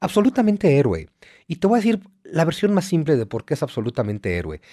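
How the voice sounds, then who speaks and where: A man's voice: a little high, wildly swooping pitch, fast, dark tone, dry recording, clean studio sound. A man in his forties with a Mexico City accent, speaking as an interview guest, emphatic and lecturing, stacking lists and rhetorical questions. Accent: Mexico City Spanish. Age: 40s. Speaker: guest writer. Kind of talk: conversational interview.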